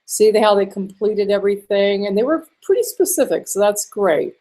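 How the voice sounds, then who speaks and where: A woman walking through a screen-share marketing tutorial in a chatty way, a little hoarse and clearing her throat now and then. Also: medium pitch, animated, moderate pace, dark tone. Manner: chatty, with fillers and small laughs. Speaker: online marketing instructor.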